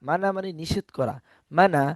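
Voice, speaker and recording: A man teaches Quran reading, sounding out syllables slowly and repeating each word three times. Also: a little high, lively intonation, a little mellow, no room sound, studio quality. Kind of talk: spelling and pronunciation lesson.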